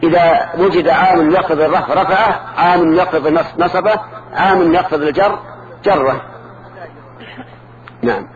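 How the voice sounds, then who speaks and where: A man's voice: fairly high pitch, fairly quick, long pauses, muffled recording, a crowd in the background. A man teaching Arabic grammar in a lesson, patiently repeating word forms and checking that students follow.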